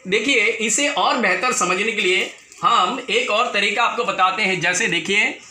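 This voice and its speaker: A man teaching children, explaining patiently and repeating words slowly so they can pronounce them along. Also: sits high, bright, forceful tone, reverberant. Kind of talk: slow classroom explanation to children.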